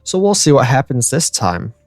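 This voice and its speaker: A man hosting a let's-play, chatting in a relaxed way and reading game events aloud. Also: medium pitch, moderate pace, no echo, studio quality, faint music behind. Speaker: gaming channel host.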